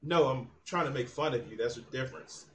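A man's voice: mid-range voice, brisk, fairly bright tone. A man hosting his channel, mocking and taunting someone in a profane heated argument. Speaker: channel host.

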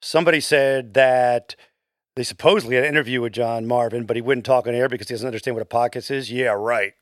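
A man hosts a casual podcast chat. His voice sits mid-pitch and sounds close, in a dry room with no echo. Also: quick pace. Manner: reads listener comments aloud, defensive but even. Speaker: podcast host.

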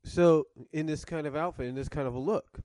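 A man's voice: a little high, fairly quick, mellow, no echo. A man reviewing cartoons in casual commentary, rambling and circling back to rephrase, coughing now and then with a cough drop in his mouth.

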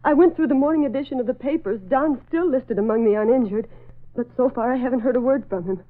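Brief: worried young fiancée, played by a woman, higher voice, 1940s radio, lo-fi. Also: fast, natural voice. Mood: anxious. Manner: anxious and emotional. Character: anxious young woman awaiting her soldier fiancé. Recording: tinny old radio broadcast.

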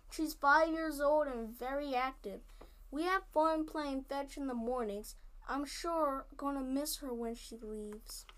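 A woman reading a children's chapter book aloud, narrating and voicing the characters' lines with small slips and restarts. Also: on the high side. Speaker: story reader.

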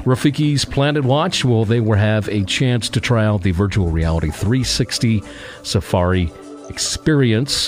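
Low-voiced man hosting a chatty podcast. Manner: chatty, laughs easily, reads news items. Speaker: podcast host. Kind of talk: casual podcast chat.

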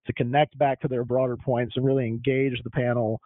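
A man lays out his argument step by step, the steady voice of a lawyer who also teaches. His voice sits at a middle pitch with no room around it. The sound is narrow and tinny, as if heard over a phone. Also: no echo. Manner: measured, methodical, emphatic. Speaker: appellate lawyer and law teacher. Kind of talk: explanatory podcast discussion.

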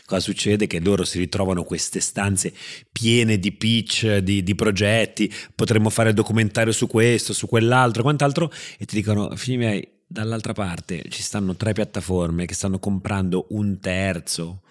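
A man's voice: on the low side, fairly even intonation, moderate pace. A man hosting a podcast, chatting casually and ramblingly with repeated words, recorded with slight echo in a small room. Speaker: podcast host. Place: small echoey room away from the usual studio.

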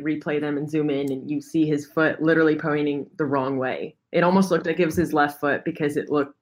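A woman guest on a sports podcast, talking earnestly and at length, with many "like"s. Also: low voice. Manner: earnest, talkative, frequent "like". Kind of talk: casual sports chat.

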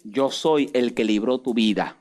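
A man's voice: medium pitch, a little slow. A man preaching a sermon as a pastor, animatedly acting out dialogues and joking with the congregation. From Dominican Republic. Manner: animated, acts out dialogues with God and Moses, jokes with congregation.

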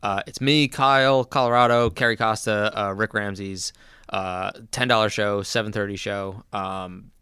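Comedian guy cohosting a podcast, super clear bright voice, dead dry sound, lots of ums. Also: fairly low pitch, normal speed, no echo. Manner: relaxed, rambling plugs with fillers. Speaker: podcast co-host and stand-up comedian. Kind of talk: casual chat.

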